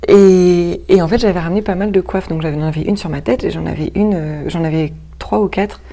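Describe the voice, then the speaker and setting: A woman with a lowish, mellow voice answers in a relaxed interview. She hesitates often, circling back and restarting her sentences as she searches for her words, then gets lively when she tells a story. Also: a little fast, gravelly. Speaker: actress and stage director, interview guest. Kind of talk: casual conversational interview.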